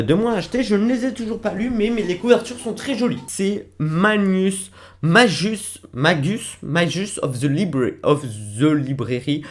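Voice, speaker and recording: A young man rambling casually to his viewers, with lots of fillers and restarts. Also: on the high side. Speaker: manga vlogger. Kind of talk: casual chat to camera.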